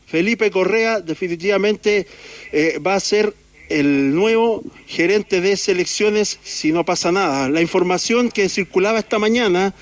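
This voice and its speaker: A hoarse man, a sports reporter calling in with news, hesitant and full of filler sounds. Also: high-pitched, measured pace. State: hoarse from a cold.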